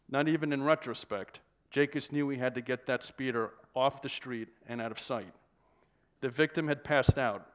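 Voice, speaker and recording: Man reading his novel aloud. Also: mid-range voice. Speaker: author.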